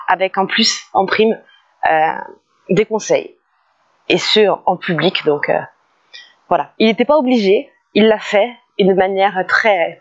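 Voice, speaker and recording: A woman talking casually to camera in a car detailing vlog, hesitant, with many fillers and restarts, often laughing. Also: medium pitch. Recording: dull lo-fi recording.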